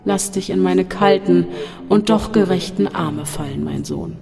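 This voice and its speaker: A narrator voicing a sinister male voice that taunts from a dark shaft in an audiobook, over faint music in a long reverb. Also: mid-range voice, measured pace, gravelly. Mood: coaxing. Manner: mocking, then coaxing and seductive.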